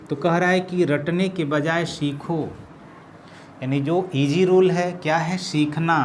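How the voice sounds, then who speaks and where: Brief: male grammar teacher, slightly high voice, slow patient delivery, faint hiss behind. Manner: slow, repeats each phrase while writing. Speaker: English teacher. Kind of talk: classroom grammar lesson.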